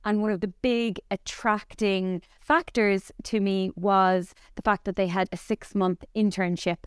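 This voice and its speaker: Cork woman, smooth crisp voice. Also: lowish voice, no room sound, studio quality. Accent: Cork Irish. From Ireland. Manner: chatty, candid storytelling. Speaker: podcast guest, company founder. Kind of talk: conversational interview.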